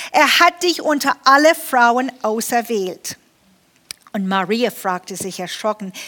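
High bright-voiced woman preaching. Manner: lively storytelling preacher with humor. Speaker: pastor. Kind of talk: sermon. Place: church.

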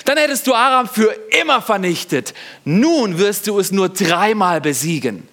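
A man voicing a furious old male prophet who scolds a king in a loud, raised voice. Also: high voice, expressive, moderate pace, voice pushed up.

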